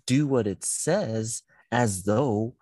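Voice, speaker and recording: A man's voice: mid-range voice, takes it slowly, dark tone, no room sound. A man, a pastor, talking through a Bible passage in a thoughtful, searching way. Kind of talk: conversational Bible discussion.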